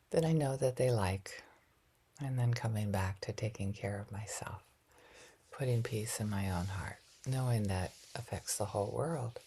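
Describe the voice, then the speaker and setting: A woman guides a loving-kindness meditation in a soft, gentle, reflective way, often half-whispering and laughing lightly at herself. Her voice is rumbling low and slightly rough.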